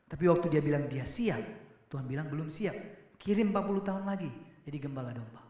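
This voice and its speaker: A male pastor preaching a sermon in a church, animated and addressing the congregation directly. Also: on the high side, fast talker. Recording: echoey church hall.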